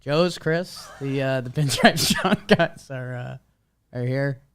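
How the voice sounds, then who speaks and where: A man's voice: medium pitch, slow, a bit bright, smooth, no room sound. A man co-hosting a podcast, chatting in a laid-back, wry way about baseball. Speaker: podcast co-host. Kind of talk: casual sports chat.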